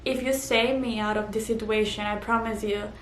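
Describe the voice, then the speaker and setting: A woman's voice: on the high side, steady tone. Earnest Puerto Rican woman, echoey room. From Puerto Rico. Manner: earnest, halting with fillers and restarts. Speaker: vlogger. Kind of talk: personal testimony vlog. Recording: echoey room, faint background noise.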